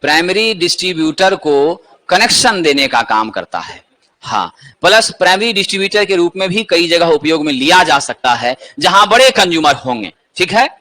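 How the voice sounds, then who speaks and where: A man's voice: high-pitched, animated, normal speed, pushed and bright. A man teaching an exam-prep lesson, asking questions and answering them himself.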